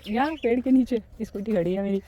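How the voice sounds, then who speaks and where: A woman's voice: medium pitch, fast, dark tone. A woman vlogging outdoors, chatting casually and narrating what she sees to her phone camera. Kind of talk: casual vlog chat. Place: outdoors by a ground and trees.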